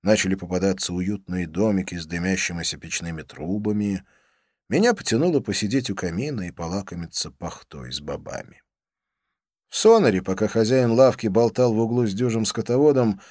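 A man's voice: fairly low pitch, lively intonation, brisk, darkish tone, no echo, studio quality. A man narrating a first-person novel as an audiobook, reading expressively.

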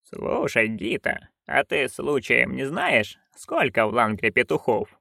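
A male reader voicing a proud, stern old witch woman who speaks low and clipped. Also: very animated, measured pace, vocal fry, fairly bright tone, no echo, clean studio sound, exaggerated voice. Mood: subdued.

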